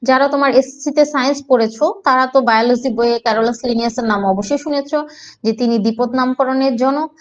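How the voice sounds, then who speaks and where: A woman's voice: high-pitched, fairly even intonation, fast talker, lo-fi sound. A woman with a Bangladeshi Bengali accent teaching an online agriculture class, explaining patiently step by step and spelling out terms syllable by syllable.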